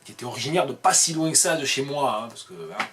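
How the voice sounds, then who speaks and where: A man with a southwestern French Landes accent talks to camera without a script, at a middling pitch for a man. He thinks out loud and wanders off on side paths. He pokes fun at himself as he goes. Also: lively intonation, quick pace, faint music behind. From southern Landes, France. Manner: digressive, self-mocking, thinking aloud. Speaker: academic video blogger. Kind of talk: improvised talk to camera.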